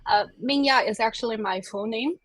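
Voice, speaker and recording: A plant scientist in her thirties from Chengdu, China, a native Chinese speaker, tells her life story as an interview guest in a chatty, self-deprecating way. Her voice is a little high, at normal speed, with no room sound.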